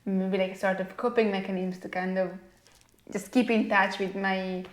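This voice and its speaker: A young Italian woman with an Italian accent chats casually as a podcast guest. Her mid-range voice has fairly even intonation and normal speed, and the recording sounds roomy and echoey.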